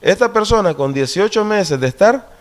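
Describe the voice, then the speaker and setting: A man with a fairly high voice and a Nicaraguan Caribbean coast Spanish accent. He explains deliberately, as an interview guest does, often stopping on small tag questions to seek agreement. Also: lively intonation.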